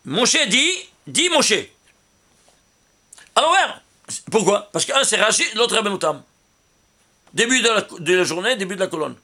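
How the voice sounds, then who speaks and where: A man, a rabbi, giving a Torah lesson on numerology with an animated manner, firing rhetorical questions at his listeners. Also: sits high, a little slow, long pauses.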